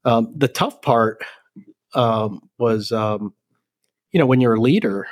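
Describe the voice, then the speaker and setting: An older man from El Salvador, a company president talking as a guest in a relaxed, rambling way with many ums and restarts. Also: medium pitch, slow. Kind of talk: casual interview chat.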